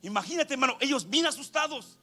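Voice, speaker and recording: A man's voice: very high voice, animated, quick pace, pushed and bright. A man preaching a sermon in a church, fervent, calling his listeners brother again and again.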